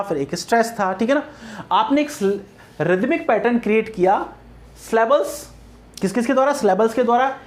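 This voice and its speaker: A woman's voice: fairly high pitch, a little mellow. Woman teacher drilling stress patterns. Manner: repetitive, asks rhetorical questions, frequent "ठीक है ना?"; mixes English terms into Hindi explanation. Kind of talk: exam-prep lecture on poetry.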